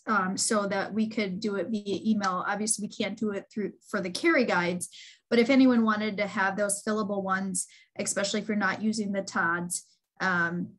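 A woman speaking on a video call panel with a mid-range voice. She is quick and helpful, scattering "um" between her points as she offers shared material. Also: mid-range voice, a bit bright, rough recording. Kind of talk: virtual panel discussion.

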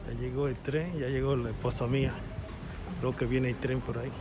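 A man's voice: medium pitch, level tone, fairly quick, music in the background. A man with a Dominican Spanish accent chatting casually and exclaiming as he films himself walking down a snowy city street on his phone. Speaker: vlogger. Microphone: phone camera held while walking. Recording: loud street noise.

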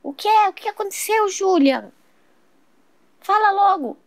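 A woman's voice: very high-pitched, expressive, measured pace, no echo, full character voice. A woman voicing a chatty, pushy little girl in a toy doll soap opera.

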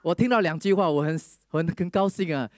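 Male preacher, storytelling testimony, slightly high voice, dry close sound, acts out the people in his story. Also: fairly quick, no echo. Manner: lively storyteller who mixes English phrases into Mandarin.

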